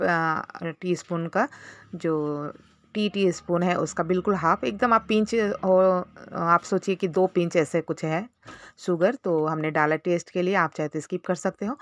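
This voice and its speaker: A woman's voice: on the low side, no echo. A woman narrating a casual cooking tutorial for her channel, explaining each step in a chatty way with small fillers. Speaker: cooking vlogger.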